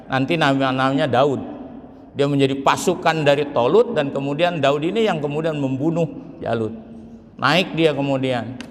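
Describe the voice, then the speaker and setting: A middle-aged man preaching a lively mosque sermon, joking with the congregation. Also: mid-range voice, moderate pace. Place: large mosque hall. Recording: reverberant mosque hall.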